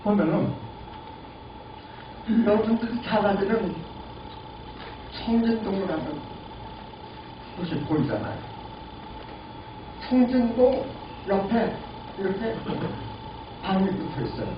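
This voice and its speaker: A man in his eighties giving a lively lecture and asking the audience questions. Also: high-pitched, slow, pauses often. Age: 80s. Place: lecture room. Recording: lo-fi, echoey, distant, noisy.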